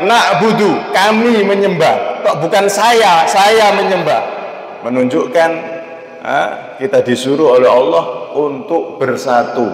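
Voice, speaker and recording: A man giving a Quran exegesis lesson as a preacher, asking rhetorical questions and reciting Arabic verses slowly. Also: mid-range voice, echoey room, long reverb tail, low-quality recording. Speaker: Islamic preacher.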